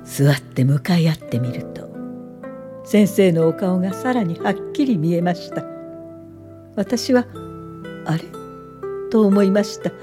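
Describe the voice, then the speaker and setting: This radio drama features an actress with a fairly low voice and lively intonation, over background music. She plays a thoughtful woman in her late fifties who works as a welfare official, delivering narration and dialogue in a polite, reflective, measured way.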